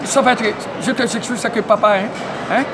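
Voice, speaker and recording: A man who interviews at an event, excitable and tagging nearly every phrase with "hein?". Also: very high voice, brisk. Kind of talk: casual community media interview. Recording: noisy crowded public event. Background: crowd chatter.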